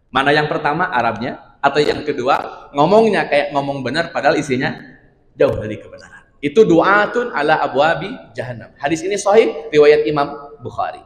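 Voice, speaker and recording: A man preaching an Islamic study sermon, telling stories with lively asides to his audience. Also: fairly high pitch. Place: large mosque hall. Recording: echoey hall reverb.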